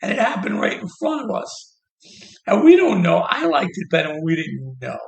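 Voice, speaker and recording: Gravelly man ranting in an echoey room. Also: high-pitched, wildly swooping pitch, moderate pace. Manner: heated, sarcastic, mocking. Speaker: commentator. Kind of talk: political rant.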